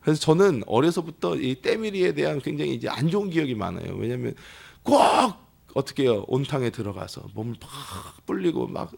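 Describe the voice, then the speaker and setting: A pastor preaching a sermon in a church, telling stories with lively, acted-out voices. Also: male voice, medium pitch, a little fast, gravelly. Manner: lively storytelling that acts out quoted people. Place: church sanctuary.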